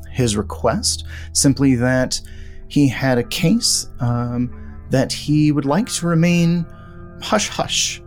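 A man narrating a tabletop horror role-play game as game master, relaxed with frequent ums. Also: mid-range voice.

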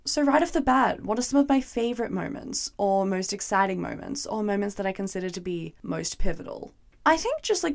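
A young woman with a hoarse, gravelly voice recaps and reviews a TV episode in a chatty, wry, playfully sarcastic way. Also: mid-range voice, a little mellow.

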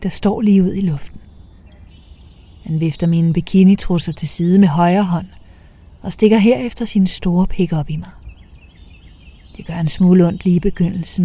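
A woman narrating a first-person story in a soft, half-whispered way. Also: lowish voice.

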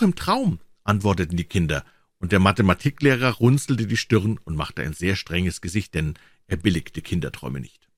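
A man reading a fairy tale aloud as scripted storybook narration, expressive and theatrical. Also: on the low side, no echo, clean studio sound. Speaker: audiobook reader.

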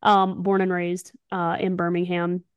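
This Alabama softball player, a young adult, co-hosts a laid-back podcast and talks with slangy, emphatic enthusiasm. Even so, her lowish voice comes across monotone, smooth, and unhurried, with no echo in the recording.

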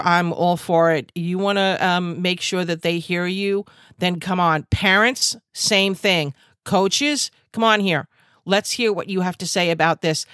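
A woman's voice: medium pitch, a bit bright, no echo, clean studio sound. A woman host, giving an angry, emphatic monologue over a video call, full of fillers and restarts. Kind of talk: impassioned monologue.

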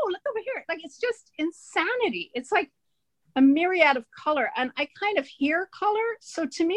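An Irish woman in her forties, a guest in casual conversation, animated and emphatic, often laughing as she tells stories. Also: sits high, no echo. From Ireland.

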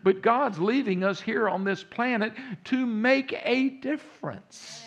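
Brief: Texas-accented male pastor, sermon delivery, gravelly voice, lo-fi recording. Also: extremely high pitch, takes it slowly. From Central Texas. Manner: folksy storytelling with rising emphasis.

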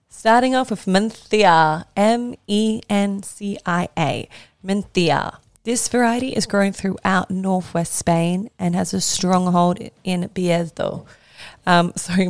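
A young woman talks through wine picks in a relaxed, chatty way. Her voice sits on the low side with a gravelly fry. The sound is close and dry, with no room around it. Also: no echo. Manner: chatty, laughs between points, spells out names slowly. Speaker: wine educator. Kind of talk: casual explainer vlog.

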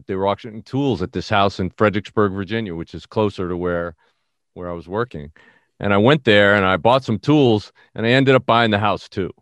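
A middle-aged man from the Bronx, telling a story in an animated, self-mocking way as an interview guest. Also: deep voice, smooth, no echo. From the Bronx, New York. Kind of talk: casual storytelling.

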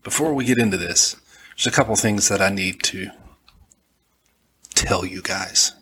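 A man from Alabama with a Southern accent and a slightly husky voice, presenting and reading as an author on his podcast. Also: low voice, measured pace, sharp tone, slight background noise. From Alabama, United States. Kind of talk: podcast introduction and audiobook-style first-person narration.

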